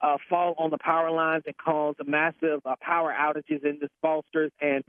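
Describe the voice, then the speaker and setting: A man giving a live severe weather report from the field in a halting way, correcting himself as he goes. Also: fairly high pitch, flat delivery, no echo, narrow, tinny audio. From Alabama, United States. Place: outdoors in a windy residential area.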